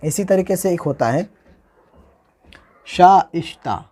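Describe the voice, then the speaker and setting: A man teaching Urdu handwriting, spelling each word slowly and repeating it, often asking how the letters are joined. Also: sits high, warm tone. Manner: slow, patient, repeats each word and asks "how will we join this?". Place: indoors, recording a tutorial without a camera.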